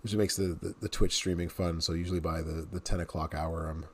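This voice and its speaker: A man's voice: sits low, steady tone, a little fast, a little hiss or hum. A man in his thirties, a game streamer, chatting casually to viewers and laughing often as he plays. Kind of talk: casual gameplay commentary.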